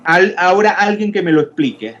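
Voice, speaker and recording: Male teacher in an online lecture, slightly high pitch, quizzes students, hesitant, muffled audio. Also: expressive, brisk. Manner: questioning, explanatory, many hesitations. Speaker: chemistry teacher. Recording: dull lo-fi audio with faint noise.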